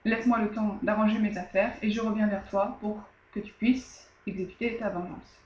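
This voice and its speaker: A woman's voice: mid-range voice, fairly even intonation, normal speed, a little mellow, echoey room, muffled recording, natural voice. A woman voicing a rich male merchant who stammers and hesitates in panic. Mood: flustered. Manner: flustered, hesitant, full of "euh".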